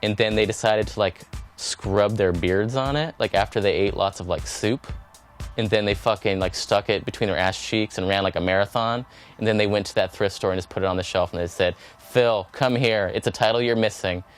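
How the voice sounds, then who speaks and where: A lowish-voiced man delivers a crude, exaggerated rant in a deadpan way. Faint music sits in the background. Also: a little fast. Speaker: interviewee.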